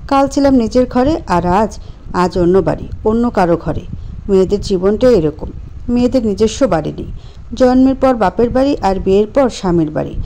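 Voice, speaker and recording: Warm gentle woman narrating a story. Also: medium pitch, moderate pace, a little hiss or hum. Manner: gentle, expressive reading. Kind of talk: first-person story narration.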